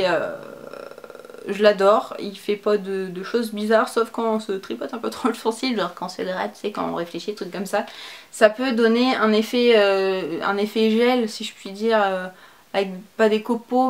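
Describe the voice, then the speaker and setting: A young woman talking through her favorite make-up products. She is chatty and casual, with lots of fillers and slangy enthusiasm, in a voice of ordinary pitch. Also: slight background noise. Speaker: beauty vlogger.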